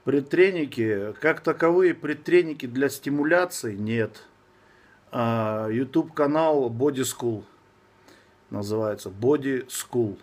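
Speaking slowly at medium pitch, this thirty-something man coaches fitness and answers viewers on a live stream, casual and blunt. Braces give his s a slushy lisp. The audio comes from a phone at arm's length.

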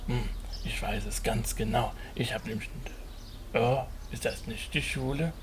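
Man as Seppel, slow timid puppet-show schoolboy. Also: mid-range voice, fairly even intonation, natural voice. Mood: hesitant, timid. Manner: slow German puppet-show address to children, hesitant. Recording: noisy home puppet-stage recording.

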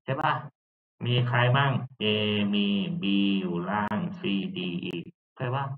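A man's voice: mid-range voice, slow, a little hiss or hum. A man giving a casual lecture, chatty and often checking that listeners follow along. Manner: chatty, checks understanding with frequent tag questions. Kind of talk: casual lecture on game theory. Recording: tinny phone-like audio.

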